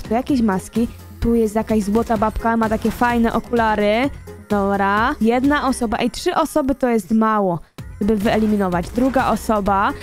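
A young woman giving casual gameplay commentary, chatty and thinking aloud as she plays. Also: fairly high pitch. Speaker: gaming YouTuber.

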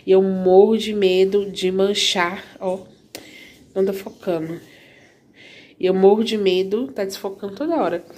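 A woman chatting casually to her viewers while she cleans her home, filming on a handheld phone. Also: medium pitch. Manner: chatty, addresses viewers as "gente". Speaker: vlogger. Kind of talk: casual vlog chat.

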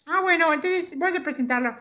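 A man voicing a cheeky male puppet sidekick in a squeaky, high-pitched voice, teasing and heckling. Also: fast talker, pushed and bright, a little hiss or hum. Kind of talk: puppet skit.

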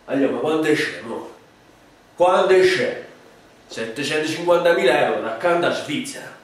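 A man playing a menacing, hot-tempered Camorra boss with a Neapolitan accent in an acted crime-drama monologue, swinging between muttering and shouting. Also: on the high side, fast talker, natural voice. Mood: angry. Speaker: actor in an audition self-tape. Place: small bare room indoors. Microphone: camera mic at a distance. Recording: echoey room, distant mic, faint hiss.

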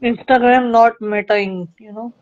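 A man's voice: extremely high pitch, steady tone, a little slow. A man in his twenties with an Indian accent, chatting casually as a stream guest and mixing Hindi with English. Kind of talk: casual chat. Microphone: phone video call. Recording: dull lo-fi internet call.

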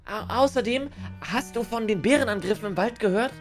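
A woman's voice: a little high, brisk, soft background music, voice pushed up, natural voice. A woman voicing a cheeky young schoolgirl in a video game, sweet, light and teasing in a cute anime style. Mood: chatty, coaxing.

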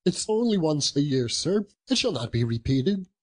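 A man's voice: a little high, sing-song, normal speed, darkish tone, pitched above the performer's own voice. A man voicing a meek, apologetic clerk in a storybook, pleading and deferential with his boss. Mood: flustered, apologetic.

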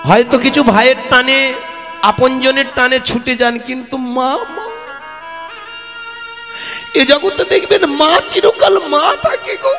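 A man's voice: very high voice, expressive, measured pace, long pauses, pushed and bright, faint music behind. A man giving an impassioned devotional kirtan sermon to gathered devotees, addressing them as father and mother and breaking into sung chanting. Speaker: kirtan singer and preacher. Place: religious gathering stage, standing before devotees. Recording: long hall reverb over live PA with instruments.

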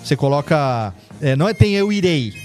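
A man's voice: on the high side, lively intonation, a little fast, a little mellow, soft background music. A man on a casual podcast, eagerly explaining and sounding out foreign words. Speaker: podcast guest.

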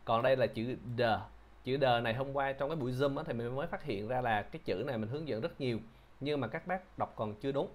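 A man teaching English pronunciation, who repeats each word slowly and patiently explains how to shape the mouth. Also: medium pitch. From Vietnam. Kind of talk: pronunciation lesson.

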